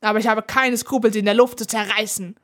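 A woman's voice: mid-range voice, fairly even intonation, quick pace, a bit bright, lightly acted. A woman voicing a menacing male dragon who snarls and hisses his threats.

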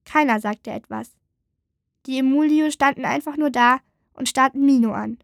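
A woman narrating a children's storybook in a gentle, calm way. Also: high-pitched, normal speed, creaky, dry recording, clean studio sound. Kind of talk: storybook reading.

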